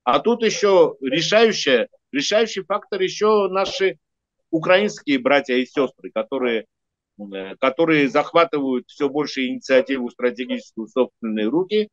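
An older man speaks as a diplomat, laying out his analysis in a measured, lecturing way and often pausing to correct himself. His voice sits a little high. The sound is dry and somewhat dull, like a lo-fi call. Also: animated, dry recording. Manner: measured, lecturing, many hesitations and self-corrections. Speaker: diplomat and regular guest analyst. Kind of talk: political analysis interview.

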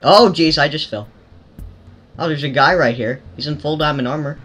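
A man hosting a gaming channel, giving casual commentary while playing, excitable and yelping in fights. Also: on the high side, normal speed, soft background music. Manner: excitable, yelps during fights.

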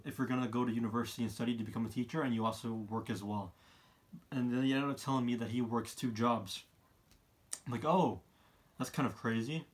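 Rambling young man talking casually. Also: mid-range voice. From Canada. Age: 20s. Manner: rambling, halting, repeats and restarts phrases. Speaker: vlogger, college student. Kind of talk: casual opinionated monologue to camera. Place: small room indoors, seated by a wall.

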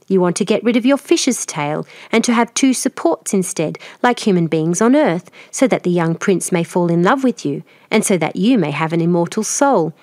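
A woman's voice: lowish voice, animated, normal speed, few pauses, a little mellow, dry recording, studio quality, close to an everyday voice. A woman voicing a cruel, scheming old sea witch in a storybook reading, mocking and menacing.

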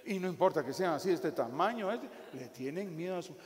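A man's voice: on the high side, fairly quick. A man preaching a sermon with a Guatemalan Spanish accent, joking and acting out little scenes as he talks. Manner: jokey, animated preaching with acted asides. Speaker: pastor. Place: church hall. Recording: echoey hall with faint ambience.

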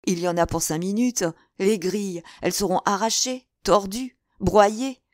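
A woman's voice: lowish voice, fairly even intonation, moderate pace, dark tone, no echo, studio quality, lightly acted. A woman voicing a bold, cool-headed musketeer officer in an audiobook, brash and emphatic. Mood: urgent.

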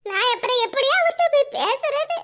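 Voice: very high-pitched, lively intonation, fairly quick, a bit bright. A performer voicing an anxious, tearful small schoolboy in a cartoon, asking pleading questions, with a southern Tamil accent from Tirunelveli. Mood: worried. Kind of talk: cartoon voice acting.

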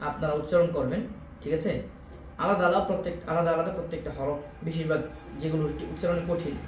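A high-pitched man with a Bangladeshi Bengali accent leads a pronunciation lesson, repeating each Arabic letter sound several times and checking in with his students. His voice rings in a roomy, echoing space. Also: noisy background. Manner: repeats Arabic letter sounds slowly, explaining mouth positions; often checks in with "okay?". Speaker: Quran recitation teacher.

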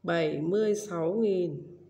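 Woman, math teacher, very slow, digit-by-digit dictation. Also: on the low side, warm tone, lo-fi sound. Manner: reads numbers digit by digit, then in full. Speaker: primary school math teacher. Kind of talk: slow dictation-style lesson.

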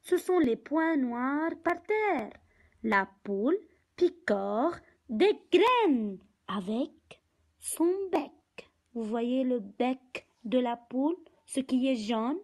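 A woman teaching young children from a picture book, speaking slowly and deliberately, repeating words and counting aloud. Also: high voice, expressive, low-quality recording.

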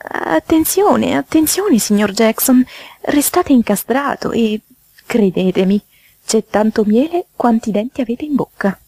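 A woman voicing a fussy, tidy little mouse housewife in a storybook reading, squeaky and flustered. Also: animated, moderate pace, a little mellow, no echo. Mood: fretful.

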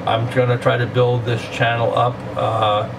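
Man, sixties, grandfatherly, unhurried, mid-pitched, casual reading vlog, steady room noise. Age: 60s. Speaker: host of a reading channel. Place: small room indoors. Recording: distant mic, clear air-conditioning hum.

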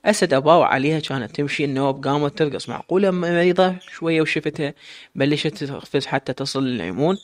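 A man's voice: on the high side, fast talker, lightly acted. A man voicing a proud sheikh, commanding and stern. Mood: curious.

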